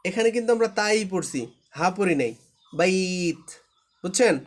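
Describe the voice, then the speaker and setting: High-pitched male tutor, drilling reading rules over an online class and checking that students follow. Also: animated, quick pace. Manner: patient, repetitive, often checks understanding. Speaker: Quran recitation teacher. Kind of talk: live online class instruction. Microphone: online live class.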